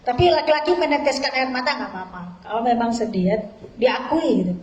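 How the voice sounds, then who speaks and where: A woman with a high voice talks through points from a book, animated and chatty. The sound is roomy and echoey, the way an audience hall makes it. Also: quick pace. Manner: animated, repeats "luar biasa", laughs at points. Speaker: guest speaker at a book discussion. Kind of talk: conversational talk to an audience.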